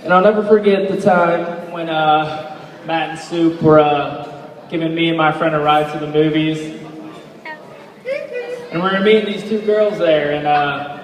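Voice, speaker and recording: Young male best man, higher voice, rambling heartfelt speech with hesitant delivery, recorded from afar in a reverberant hall. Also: fairly even intonation, moderate pace. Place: large reverberant indoor reception room. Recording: echoey hall, distant microphone.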